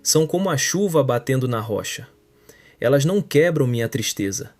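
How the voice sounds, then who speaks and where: A man narrating a translated sermon in a solemn, measured preaching manner. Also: medium pitch, animated, a little mellow. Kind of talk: scripted sermon reading.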